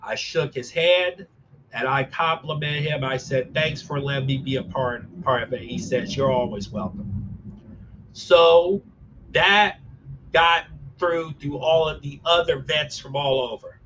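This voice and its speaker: A man talking earnestly as a podcast host, emphatic and halting, often repeating his phrases. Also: a little high, a bit bright, dull audio, a little hiss or hum. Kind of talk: earnest conversational talk.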